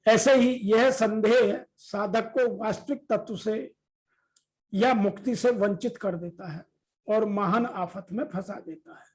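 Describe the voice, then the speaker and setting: A woman giving a scripture commentary, deliberately reading translations as measured lists. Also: medium pitch, steady tone, darkish tone, low-quality recording. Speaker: Gita discourse teacher.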